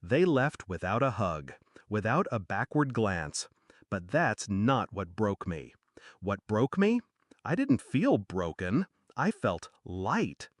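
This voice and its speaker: An older man tells a first-person story in short, deliberate phrases with dramatic pauses. His pitch rises and falls freely while the pace stays slow. The recording is dry and close, with no room sound. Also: very animated, no room sound. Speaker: narrator.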